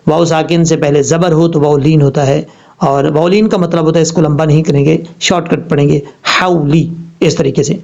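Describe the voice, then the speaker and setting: A man with a Pakistani Urdu accent and a slightly high voice teaches Quran recitation. He explains each rule step by step, then recites the example words slowly and drawn out. The recording sounds dull and lo-fi. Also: fairly even intonation, vocal fry, dark tone. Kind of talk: tajweed lesson.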